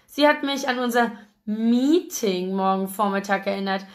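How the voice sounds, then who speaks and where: A woman's voice: mid-range voice, normal speed, natural voice. A woman voicing a young male boss who is curt and irritated, growling out his lines in an audiobook. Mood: annoyed. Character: grumpy young man, annoyed boss.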